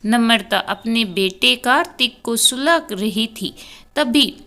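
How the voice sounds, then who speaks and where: A woman's voice: fairly high pitch, lively intonation, sharp tone. A woman reading a family story aloud as narrator, announcing each character by name before their lines. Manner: unhurried storytelling delivery, voicing each character by name cue.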